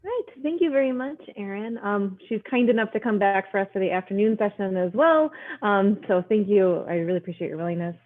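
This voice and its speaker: A woman's voice: mid-range voice, lively intonation, brisk, few pauses. Woman host on a tinny line. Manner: chatty, self-deprecating, with ums. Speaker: event host. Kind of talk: introducing speakers on a video call. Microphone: video call.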